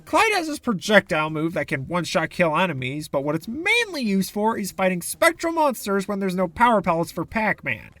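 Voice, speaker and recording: A man's voice: high-pitched, wildly swooping pitch, a little fast, hardly any pauses, pushed and bright, no echo. A man giving sarcastic, exasperated commentary for a video game review essay, into a close mic.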